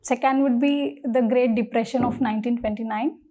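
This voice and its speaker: High-voiced Indian woman, formal interview candidate. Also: fairly even intonation, brisk, mellow. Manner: formal, deferential, hesitant. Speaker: candidate in mock civil service interview.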